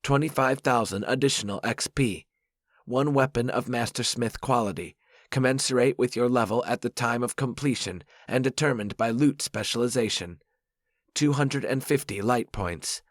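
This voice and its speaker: A man voicing a game system announcer that reads out rewards and enemy levels in a flat, formal way, for an audiobook. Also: medium pitch, moderate pace, no echo, studio quality, pitched above the performer's own voice, natural voice. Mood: announcing. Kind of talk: audiobook narration.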